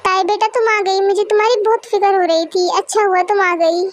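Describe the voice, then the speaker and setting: A woman voicing a gentle single father in a fan story. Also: very high voice, fairly even intonation, fairly quick, no echo. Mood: affectionate. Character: caring single father, middle-aged man.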